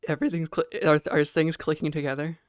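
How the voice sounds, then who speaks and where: A man in casual role-play chat, speaking haltingly and repeating words. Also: a little high, little pitch movement, clean tone, no room sound.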